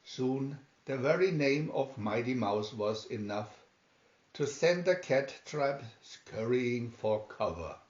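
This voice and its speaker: A storybook reader narrates a scripted children's story aloud at a slow pace, his mid-range, slightly mellow voice full of lively intonation. The home recording sounds roomy and a little dull.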